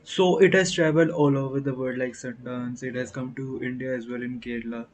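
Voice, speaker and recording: A man's voice: medium pitch, fairly even intonation, a little fast, a little hiss or hum. A male interviewer asking questions with many fillers and hesitations. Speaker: interviewer, host.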